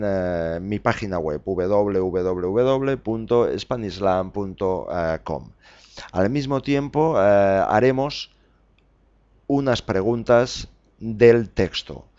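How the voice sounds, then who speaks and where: A man with a lowish voice teaches pronunciation on his podcast, speaking very slowly and deliberately. He pauses on each example and fills gaps with "eh". The recording sounds a little dull and lo-fi. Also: a little mellow. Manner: slow, deliberate, spells out examples with fillers. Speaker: Spanish teacher podcast host.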